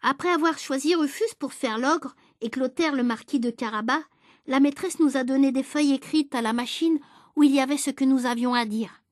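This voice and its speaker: A woman reads a children's storybook aloud with a high, clear voice and lively, even pacing. The sound is dry and close, with no room around it. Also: brisk, no echo. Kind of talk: storybook reading.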